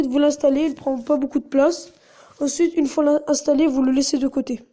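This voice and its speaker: A woman's voice: high voice, mellow. A woman narrating a casual step-by-step tutorial in a chatty way, with many fillers. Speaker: tutorial host.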